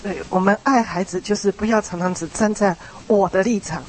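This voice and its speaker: A woman's voice: medium pitch, steady tone, fairly quick, darkish tone, a little hiss or hum, rough recording. A woman leading a church small group, summing up what others said and inviting more sharing. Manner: summarizing, encouraging others to speak.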